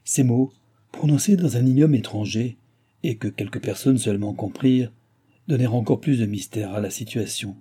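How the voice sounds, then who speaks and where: A man reading a novel aloud in measured, scripted narration. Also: medium pitch, dark tone, husky. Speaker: audiobook reader.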